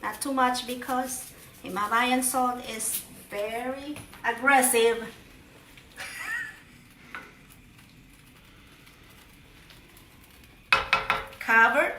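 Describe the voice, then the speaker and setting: A middle-aged woman talks through a home cooking video in a playful, chatty way, with a bright, high voice and a very unhurried pace. She sounds a little distant in an echoey kitchen, with faint kitchen noise behind her. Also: big pitch swings. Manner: playful, chatty, cheery exclamations. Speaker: home cook. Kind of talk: casual cooking vlog narration. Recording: echoey room, voice from afar.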